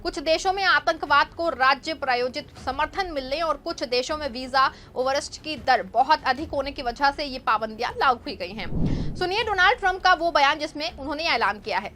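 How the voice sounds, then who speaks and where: A woman's voice: high-pitched, expressive, fairly quick, pushed and bright, slight background noise. A young woman anchoring a news show, reading scripted political commentary in a pointed, sarcastic way.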